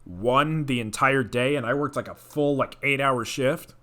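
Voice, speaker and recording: A young man co-hosting a podcast, telling a story in casual chat, animated and swearing often. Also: medium pitch, a little slow. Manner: animated, swears a lot, acts out quoted voices. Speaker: podcast co-host.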